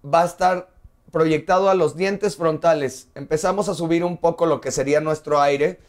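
A man's voice: on the high side, fairly even intonation, moderate pace. A man teaching a singing lesson, explaining step by step and asking rhetorical questions along the way. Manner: breaks into sung scales and long "ah" tones. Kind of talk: vocal lesson.

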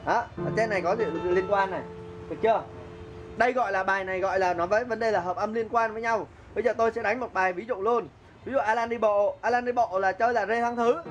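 High-voiced man teaching keyboard. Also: a little fast, music in the background. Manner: chatty, counts beats aloud and hums melodies while playing. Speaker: music teacher. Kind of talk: casual keyboard lesson. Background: keyboard playing.

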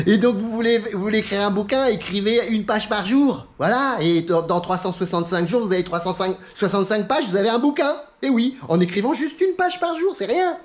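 A man's voice: high voice, normal speed. A middle-aged man from France chatting casually as a sim racing YouTuber, telling stories, acting out what others said and laughing often. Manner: chatty, animated storytelling, acts out quotes, laughs often. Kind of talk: casual talking-head chat.

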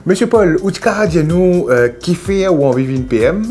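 An actor as a Mauritian game show host, highish voice over music. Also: male voice, expressive, mellow. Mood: formal, upbeat. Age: 30s. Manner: game show host delivery, formal announcing with drawn-out key words. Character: smooth, eager male TV game show host in a parody. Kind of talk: game show host presenting in a sketch comedy. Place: TV studio set.

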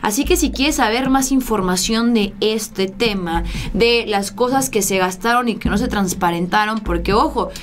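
A woman's voice: mid-range voice, moderate pace, few pauses. A young woman in her twenties from Mexico, hosting political commentary in a small studio, indignant and talking with her hands. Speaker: host. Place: small studio with blue backdrop.

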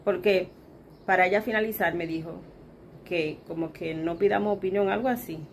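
Dominican woman, casual home vlog, chatty and animated, talks to viewers, faint noise behind. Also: on the low side, normal speed. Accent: Dominican Spanish. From Dominican Republic. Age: adult with children. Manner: chatty, talks straight to her viewers as "chicas" and acts out quoted remarks. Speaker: vlogger. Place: her bedroom at home.

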